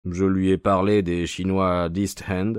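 A grave narrating doctor. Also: male voice, low voice, level tone, clean tone, no echo, clean studio sound. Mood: worried. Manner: grave, measured storytelling. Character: loyal worried male doctor companion. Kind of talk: radio drama narration.

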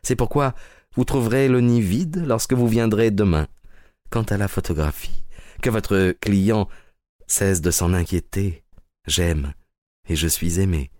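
A man's voice: fairly low pitch, unhurried, a little mellow, no room sound, natural voice. A man voicing a clever young woman's letter with a poised, self-assured manner in an audiobook reading.

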